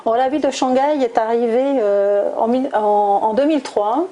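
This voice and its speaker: A middle-aged woman, a guest answering interview questions thoughtfully, pausing often with hesitations. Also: on the high side, warm tone, poor audio. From France, southwest (Toulouse). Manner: thoughtful, many hesitations with "euh". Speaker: guest, recruiter.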